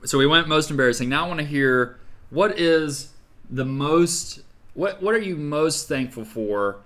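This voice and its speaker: A man hosting a casual podcast chat, asking questions and chiming in with quick encouraging replies. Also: a little high, lively intonation, fairly bright tone. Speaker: podcast host.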